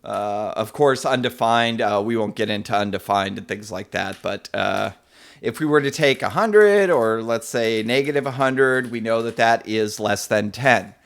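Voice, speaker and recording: A man runs a relaxed live-coding lesson from his desk. He talks loosely, with lots of "uh" and "um", and stops now and then to greet people in the chat. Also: lowish voice, moderate pace, clean tone. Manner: casual, many fillers, reads chat names aloud. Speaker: programming instructor.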